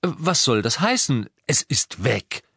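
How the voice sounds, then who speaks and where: A man's voice: medium pitch, big pitch swings, slow, gravelly, bright, forceful tone, husky, dry recording, studio quality, pitched above the performer's own voice, full character voice. A man voicing a stern young male wizard who snaps curt orders in a storybook reading. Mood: urgent. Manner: gives curt orders, snapping.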